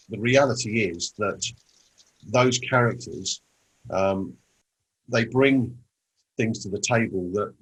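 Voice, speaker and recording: A man's voice: on the low side, slightly rough, poor audio. A man giving a motivational presentation, telling anecdotes in a conversational way. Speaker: motivational speaker.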